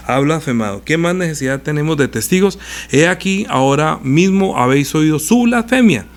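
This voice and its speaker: A man preaching a conversational Bible lesson, animated and asking the congregation rhetorical questions. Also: a little high.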